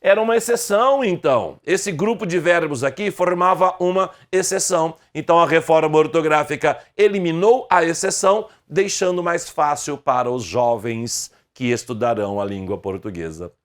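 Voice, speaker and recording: A middle-aged Brazilian man with a fairly high-pitched voice teaches grammar online. He speaks slowly and deliberately, asking his viewers one question after another.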